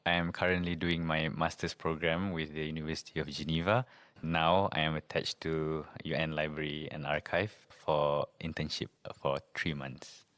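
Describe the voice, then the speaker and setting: Guy from malaysia, really deep smooth voice, formal and measured. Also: flat delivery, a bit bright, no echo. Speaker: intern, master's student. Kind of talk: formal interview talk.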